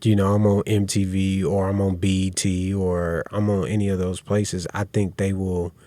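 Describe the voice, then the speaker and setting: A young man from Kansas City talks in a low, deep register as a guest on a radio show. His delivery is relaxed and easygoing, with easy laughter. The sound is dry and close, with no room around it. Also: normal speed, no room sound. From Kansas City, USA. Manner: relaxed, laughing, slips into animated impressions. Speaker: guest musician. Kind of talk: casual interview chat.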